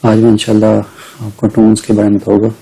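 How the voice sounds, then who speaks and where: Dark-voiced man teaching a lecture. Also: on the low side, completely flat delivery, vocal fry, poor audio. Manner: patient, explains step by step and models each sound slowly. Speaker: language teacher. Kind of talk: recorded slide lecture.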